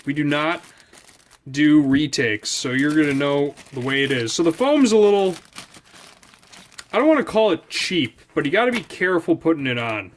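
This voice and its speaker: With slight background noise behind him, a product reviewer on his video channel chats through an unscripted unboxing, rambling and thinking aloud as he handles things. His voice is a little high, with lively intonation and a moderate pace.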